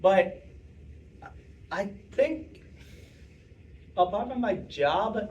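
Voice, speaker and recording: A young man talks casually to an audience, rambling and restarting with plenty of fillers. His voice sits a little high. He is picked up from across a meeting room, with faint room noise behind him. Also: lively intonation, extremely slow, darkish tone, far from the mic, muffled recording. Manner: chatty, rambling, self-interrupting with fillers. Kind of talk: casual talk answering audience questions.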